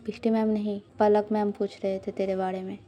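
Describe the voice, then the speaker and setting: A woman voicing a chatty, cautious schoolboy who talks quickly in an audio love story. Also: medium pitch, little pitch movement, mellow, natural voice. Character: young male schoolboy friend, chatty and cautious.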